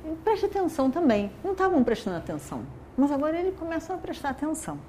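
A woman telling an epic story in an animated way, switching between the characters' voices. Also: high-pitched, fast talker, slight background noise.

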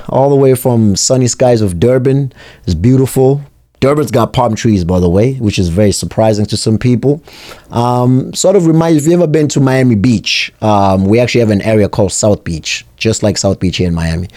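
A man hosting alone, talking in an unhurried, thoughtful and personal way. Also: mid-range voice, mellow, no room sound, clean studio sound. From South Africa. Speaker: podcast host. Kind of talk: reflective solo monologue.

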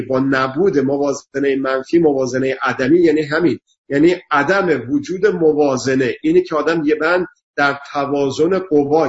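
Earnest man lecturing in lists. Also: fairly high pitch. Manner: repetitive, lecturing, emphatic lists. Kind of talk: earnest explanatory talk. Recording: dull lo-fi sound.

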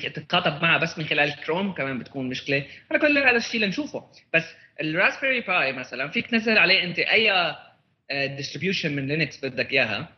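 A man's voice: a little high, dull audio. A man with a Levantine Arabic accent in a casual tech discussion, often repeating words as he searches for phrasing and mixing in English terms.

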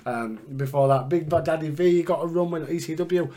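Man, podcast host, excitable, sweary, casual chat. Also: fairly high pitch, a little fast. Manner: profane, excitable.

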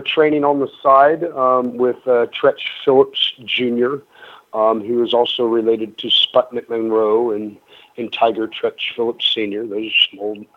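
A middle-aged man telling wrestling stories in a casual radio interview, rambling with lots of ums and restarts. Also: mid-range voice. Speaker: guest, pro wrestler. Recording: narrow phone-like radio sound.

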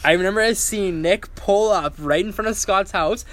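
A man's voice: high voice, moderate pace, fairly bright tone. A young man telling a story in casual chat, acting out quotes and swearing freely. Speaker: guest storyteller.

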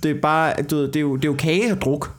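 A young man, co-hosting a casual podcast chat, swearing freely and telling stories with animation. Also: a little high. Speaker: podcast co-host.

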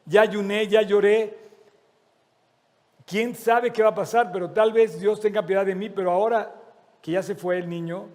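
A man's voice: high-pitched, steady tone, normal speed, long pauses, a little mellow, natural voice. A man voicing a grieving ancient king who speaks in a resigned, plain-spoken way, inside a sermon. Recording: long reverb of a large hall.

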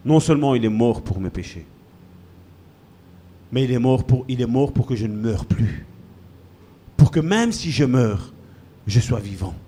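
A man preaching a sermon as pastor, swinging between loud bursts and low, quiet lines. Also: animated, measured pace, long pauses, slightly rough.

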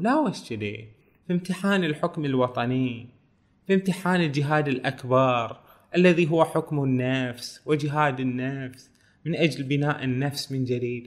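A man with a Bahraini Arabic accent reading passages aloud and explaining them in casual dialect, with frequent fillers. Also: medium pitch. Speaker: book reviewer. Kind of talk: casual book talk.

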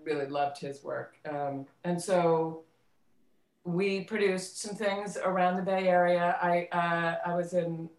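A middle-aged American woman, a theater actress and director, reminisces casually as an interview guest, reflecting aloud and searching for details. Her voice is fairly low and steady, and she speaks slowly. The pickup is roomy and echoey.

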